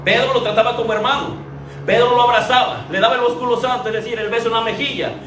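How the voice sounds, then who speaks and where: High-voiced man preaching in an echoey church. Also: fairly even intonation, fast talker, background noise. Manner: emphatic preaching with repeated phrases and rhetorical questions. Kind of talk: sermon. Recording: echoey church from far off, faint ambience.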